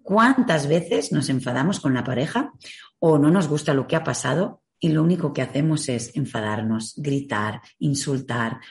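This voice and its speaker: A woman with a low-set voice gives a reflective talk that swings widely in pitch. She speaks expressively, asks many rhetorical questions and draws out the phrases she wants to stress. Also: darkish tone. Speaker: speaker on emotional growth and parenting.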